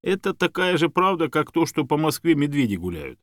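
A man voicing a brisk, good-humoured middle-aged man who speaks in an upbeat, reassuring way. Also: a little high, no room sound, pitched above the performer's own voice, close to an everyday voice. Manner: upbeat and reassuring, a bit raised.

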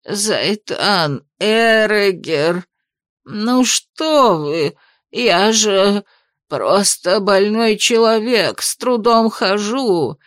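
A woman's voice: medium pitch, lively intonation, no echo, studio quality. A woman voicing a fat, frightened old male official who pleads and wails. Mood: whining scared. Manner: slow, wailing, pleading.

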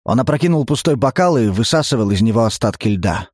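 A man narrating an audiobook in a measured, even reading voice. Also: medium pitch, no room sound, studio quality. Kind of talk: scripted narration.

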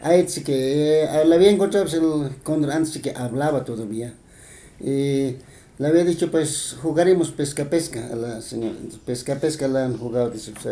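A man's voice: mid-range voice, dark tone, a little hiss or hum. A man with a Bolivian Spanish accent, retelling a folk tale in an interview, rambling and full of fillers and tag questions.

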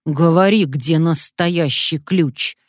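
A woman's voice: low voice, slow, dry recording, clean studio sound. A woman reading an audiobook, voicing an angry, threatening male sponsor who snaps and hisses menace. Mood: menacing. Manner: snapping, menacing.

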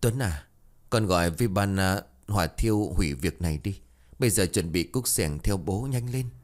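A man voicing a heartbroken father who speaks quietly and wearily, trying to console his wife. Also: sits low, animated, normal speed. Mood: firm. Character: heartbroken older father, subdued and steady.

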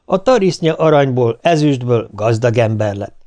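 A man reading a folk tale aloud as an audiobook, with lively, expressive storytelling. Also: mid-range voice. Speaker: audiobook reader.

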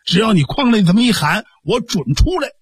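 A man's voice: high voice, big pitch swings, slightly rough, no room sound, heavily acted. A man voicing a righteous young man who scolds and coaxes his foolish sworn brother firmly. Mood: coaxing. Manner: scolding, firm, measured.

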